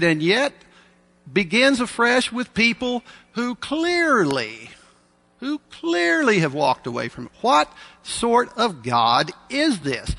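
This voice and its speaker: Man at a pulpit microphone, gravelly. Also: high-pitched, fairly bright tone. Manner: measured, earnest, with dry asides. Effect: preaching into a pulpit microphone. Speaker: preacher. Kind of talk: sermon. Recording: long reverb of a large hall.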